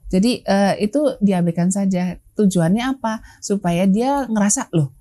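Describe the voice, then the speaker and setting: A woman's voice: mid-range voice, normal speed, warm tone. A woman guest explaining child-rearing in an interview, hesitant with many fillers, acting out little parent and child exchanges. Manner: acts out parent and child lines. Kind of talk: interview, explaining with acted examples.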